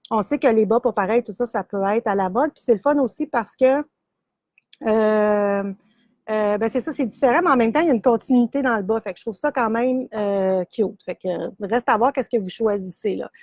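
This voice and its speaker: Québécois lady hosting a yarn live, chatty, lots of euhs, fairly high voice, dry sound. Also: moderate pace, a little mellow, no room sound. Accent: Québécois French. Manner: chatty, many fillers, laughs easily. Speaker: yarn shop host. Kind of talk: casual live product demo.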